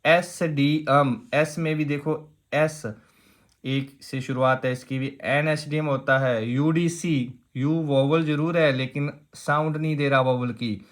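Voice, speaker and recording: A man's voice: a little high, fairly even intonation, slow. A man teaching an exam-prep grammar lesson, explaining step by step, asking rhetorical questions and repeating key points.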